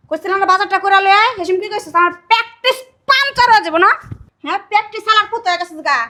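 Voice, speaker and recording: Brief: actress playing a scolding mother, very high bright voice, drama. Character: scolding mother of the household, sharp-tongued. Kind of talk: village family drama acting.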